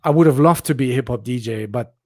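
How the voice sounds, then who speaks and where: A man's voice: mid-range voice, fast talker, no room sound. Man in his forties, dry sound. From Germany. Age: 40s. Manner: relaxed storytelling, laughs often. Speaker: guest DJ. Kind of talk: casual chat.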